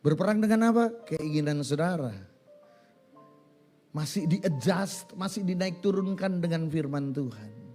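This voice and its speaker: A male pastor preaching a sermon in a church, animated, asking the congregation questions and answering them himself. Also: fairly high pitch, unhurried, faint music behind.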